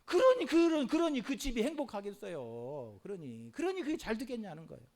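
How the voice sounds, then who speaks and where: Lively high-voiced male preacher. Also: a little fast. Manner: animated preaching with frequent hallelujahs and rhetorical questions. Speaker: pastor. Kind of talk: sermon.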